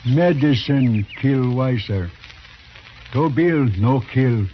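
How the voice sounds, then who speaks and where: An actor playing a proud, stoic accused man in an old western drama, speaking halting, clipped broken English. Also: mid-range voice, lively intonation. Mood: proud, offended. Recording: dull lo-fi old recording with faint noise.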